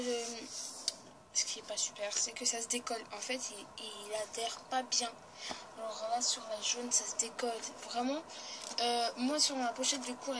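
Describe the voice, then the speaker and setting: A woman's voice: on the high side, noisy background. A woman chatting casually in a haul video, showing her purchases with enthusiasm and often correcting herself and apologizing. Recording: loud crinkling of packaging and clicks close to the mic.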